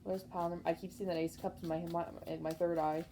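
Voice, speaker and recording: A young woman doing a pick-a-card tarot reading, chatty and excitable, her sentences often trailing off with "like". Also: on the low side, fast talker, noisy background. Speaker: tarot reader.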